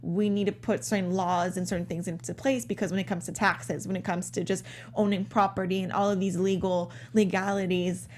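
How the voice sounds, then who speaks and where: A woman on a review panel who reasons through her points in a measured way. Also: fairly low pitch, level tone, darkish tone, a little hiss or hum. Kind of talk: casual panel discussion.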